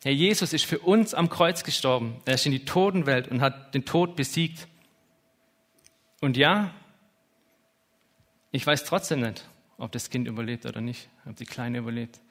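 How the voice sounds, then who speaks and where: A man in his thirties delivers an informal, emotional sermon, sprinkling it with lots of "hey" and "ja." His mid-range voice is a bit bright, and he speaks at a moderate pace with long pauses.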